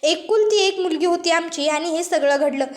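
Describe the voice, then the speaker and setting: A woman's voice: extremely high pitch, moderate pace. A woman voicing a grieving, distraught middle-aged mother who laments her lost daughter in a story retelling. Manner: lamenting, pleading. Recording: roomy echo.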